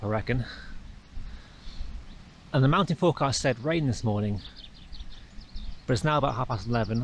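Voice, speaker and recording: Out on a rural hillside, a man who is not a native Welsh speaker narrates his hike for a walking vlog. His medium-pitched voice has vocal fry, and he thinks out loud with little restarts. The camera mic picks up a slight hiss or hum.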